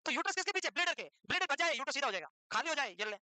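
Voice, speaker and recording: In a live nursing lecture, a man speaks rapidly in an unusually high, bright, sing-song voice, teasing students and pressing them with rapid questions. The recording is close and dry, with little room reverberation.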